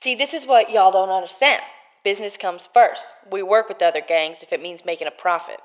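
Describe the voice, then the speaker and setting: A woman voices a hardened male prison gang captain in a murder mystery game, sounding tough while attempting a Boston accent that keeps slipping. Her voice is mid-range and close to an everyday voice, at a fairly quick pace.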